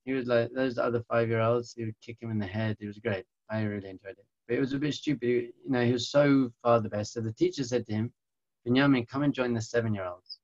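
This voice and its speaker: A man's voice: mid-range voice, fast talker, hardly any pauses, no echo. Middle-aged guy telling a funny story in a talk, acts out all the quotes, dry kinda dull sound. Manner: animated, self-mocking storyteller who acts out quotes. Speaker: speaker giving a talk.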